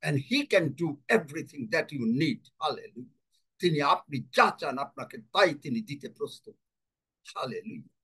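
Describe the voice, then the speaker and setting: A man preaching a bilingual sermon, slow and emphatic, repeating key phrases and translating himself between languages. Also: a little high, expressive, sharp tone, husky. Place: church service.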